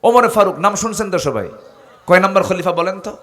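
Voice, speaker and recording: A preacher from Bangladesh giving a sermon, moving between quiet asides and loud calls for the crowd to answer, and slowing into drawn-out chanted recitation. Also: male voice, high-pitched, lively intonation.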